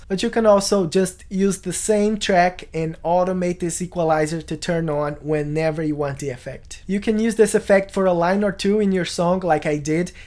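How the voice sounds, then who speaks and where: Clear-spoken man presenting a tutorial. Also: high-pitched, a little mellow. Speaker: music production tutorial host. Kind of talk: explanatory video tutorial to camera. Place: small home studio, indoors.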